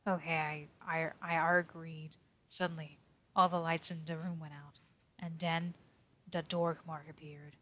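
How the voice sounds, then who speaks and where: Quiet young male detective, woman voicing: low, flat, in-character fanfic reading. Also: unhurried, exaggerated voice. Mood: deadpan reading.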